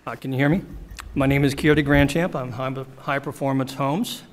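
A middle-aged man speaking as a home builder on a policy panel, plainspoken and earnest, often clearing his throat, into a table mic in a wood-paneled hearing room. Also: mid-range voice, steady tone, brisk. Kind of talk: panel presentation. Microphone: table mic on stand.

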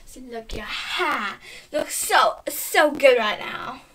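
A woman's voice: high voice, animated, slow, a bit bright. A woman playfully fussing over a friend in a home video challenge, teasing and giggly.

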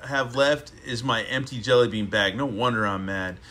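Man reading grumpy boy, storybook, indignant grumble, crisp bright tone. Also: medium pitch, moderate pace, close to an everyday voice. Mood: grumbling. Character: grumpy young boy mad about jelly beans.

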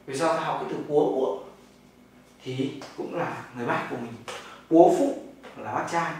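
A Vietnamese man with a Northern accent teaches a classroom language lesson, working through it step by step and answering his own questions. His mid-range voice has a darkish tone. The room is very echoey, the mic far away, and the audio noisy.

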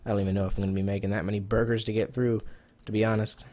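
Guy doing a chill lets play, lowish voice, kinda breathless, rambling as he goes. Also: little pitch movement, very fast, a little mellow, poor audio. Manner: chatty, self-talking while playing, swears casually. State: slightly out of breath. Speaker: gaming YouTuber. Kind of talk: casual let's-play commentary.

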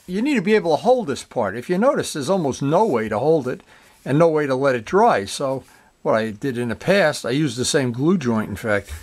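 A man chatting casually through a motorcycle DIY project in his garage, rambling with jokey asides. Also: fairly high pitch. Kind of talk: casual workshop vlog.

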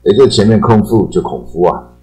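A man giving a casual, chatty English vocabulary lesson. He repeats key words and ends his phrases with a drawn-out particle. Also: lowish voice, lively intonation, mellow, faint music behind, low-quality recording. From Taiwan. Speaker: English teacher. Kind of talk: casual explanatory lecture.

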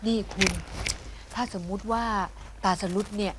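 A woman's voice: medium pitch, fairly even intonation, moderate pace, background noise, natural voice. An actress playing a fussy, insistent middle-aged mother in a TV drama, scolding and coaxing her husband. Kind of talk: Thai TV soap acting. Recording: music score underneath.

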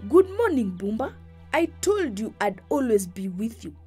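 An eerie little green alien from a children's cartoon story, ominous and clingy, put on by a woman. The voice sits high and light, with soft music playing underneath. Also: big pitch swings, normal speed, breathy edge. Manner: whispering, ominous.

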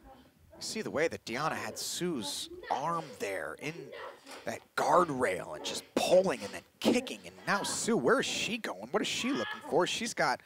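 A man's voice: on the high side, sing-song, measured pace, crowd noise. A man doing live play-by-play wrestling commentary. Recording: clear background noise.

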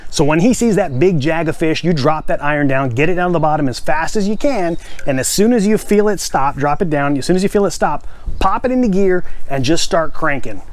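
A man in his forties explains a fishing technique outdoors in his backyard, his voice sitting a touch higher than most men's. He talks plainly and energetically, gesturing with a rod and hammering home the same simple steps. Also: animated, brisk. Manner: plainspoken, repeats key steps, counts out loud. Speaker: fishing channel host. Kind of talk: casual how-to demonstration.

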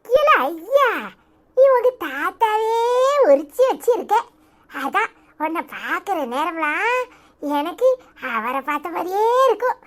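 A woman voicing a grieving, defensive old village grandmother with a Tirunelveli Tamil accent, speaking low and weary in a cartoon. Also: very animated, slow pace, slight background noise, heavily acted. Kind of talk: cartoon voice acting.

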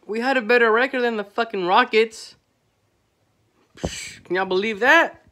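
A man's voice: extremely high pitch, moderate pace, bright, forceful tone. A man from Oklahoma City ranting straight to his viewers in a heated, profane video commentary. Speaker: sports fan vlogger.

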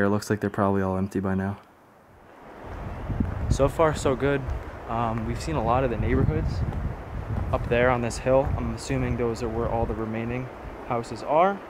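Exploring outdoors on wooded roads and at derelict buildings, this young vlogger talks casually to a handheld camera at a moderate pace. His medium-pitched voice keeps fairly even intonation, and the camera's audio is noisy.

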